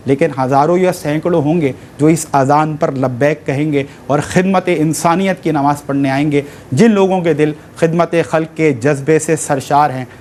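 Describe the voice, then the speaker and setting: Male telethon host, earnest appeal, voice pitched a bit high. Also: darkish tone, a little hiss or hum. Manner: earnest, religious phrases, mixes in English. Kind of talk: charity appeal.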